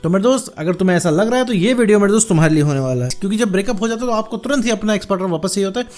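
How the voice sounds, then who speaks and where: A man's voice: high voice, lively intonation, rapid-fire, a little mellow. A man giving relationship advice straight to the viewer, coaxing and earnest, repeatedly calling them his friend. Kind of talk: direct-to-camera advice talk.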